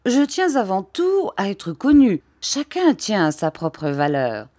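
A woman's voice: medium pitch, very animated, normal speed, a little mellow, voice pushed up, close to an everyday voice. A woman reading as Bobby, a boastful English detective. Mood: pompous. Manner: formal, self-important. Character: boastful, pompous English detective, thirty-year-old man.

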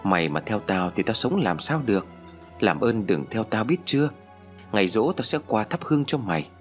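A man's voice: lowish voice, sing-song, moderate pace, soft background music. A man voicing a frightened teenage girl who pleads in a trembling voice. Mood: scared.

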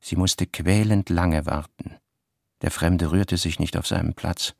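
A man with a deep, gravelly voice and fairly even intonation plays a brooding novelist who narrates a literary radio play, delivering narration and fragmentary notes with measured deliberation. The studio sound is clean, with no room sound.

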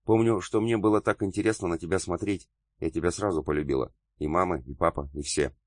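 A man voicing a gentle young woman in an audiobook, speaking in a soothing way. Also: low voice, fairly even intonation, fairly quick, no echo, studio quality. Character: gentle young woman comforting her brother.

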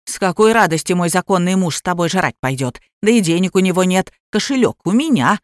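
A woman voicing a crude, loud, stout older grandmother who bosses and yells at everyone. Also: on the low side, animated, fairly quick, no echo, clean studio sound, lightly acted. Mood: rude. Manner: coarse, bossy, yelling.

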